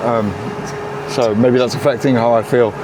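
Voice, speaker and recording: Young man talking to camera in a casual vlog, upbeat and loose, sprinkling in swear words and laughs. His voice sits at an ordinary middle pitch, with street and traffic noise audible clearly behind him. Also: fairly even intonation, normal speed. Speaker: DJ and vlog host.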